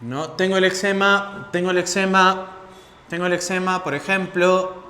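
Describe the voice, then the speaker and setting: A man's voice: sits high, steady tone, normal speed, pushed and bright. A man teaching a lecture-style class, repeating key phrases and checking in with his listeners. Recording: echoey room with long reverb.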